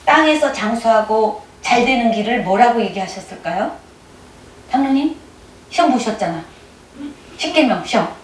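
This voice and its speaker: Woman, middle-aged, testimony sermon, quizzes the audience, slightly high voice, roomy echo. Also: animated, slight background noise. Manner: keeps prodding the audience with quick questions. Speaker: church speaker giving testimony. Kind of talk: conversational sermon. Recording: echoey room, mic at a distance.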